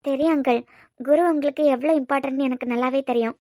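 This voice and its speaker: A woman's voice: high-pitched, steady tone, fast, a little mellow, no echo, studio quality, lightly acted. A woman voicing a guarded, hurt young woman in a cartoon serial, speaking with a Kanyakumari Tamil accent in a pleading, emotional way. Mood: polite.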